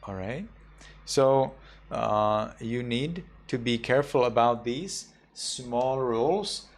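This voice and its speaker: Monk teacher, male, unhurried, mid-pitched, patient drills of each word. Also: expressive. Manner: slow, patient, repeats example words carefully. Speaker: Buddhist monk teaching a class. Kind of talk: online class instruction.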